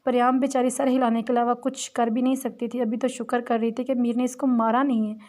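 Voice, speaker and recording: A woman narrating a romance novel as an audiobook in a plain, steady reading voice. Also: a little high, brisk. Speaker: novel reader.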